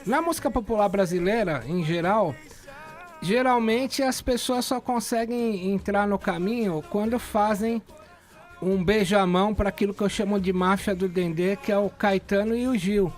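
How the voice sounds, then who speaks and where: A man co-hosting who asks a pointed, deliberate question. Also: sits high, soft background music. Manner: deliberate, provocative. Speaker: co-host.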